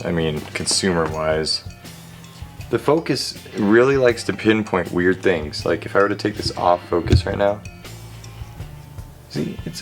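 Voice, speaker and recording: Hosting a hands-on repair, a low-voiced man talks casually, rambling and cracking wry, sweary jokes. Faint music plays in the background.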